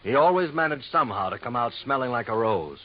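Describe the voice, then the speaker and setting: An American actor voices a worried, businesslike male insurance manager in a 1950s radio drama heard on a noisy old recording, offering confiding explanations and hesitant asides in a conversational manner. His medium-pitched voice is expressive and fast, lightly acted, with the highs cut off.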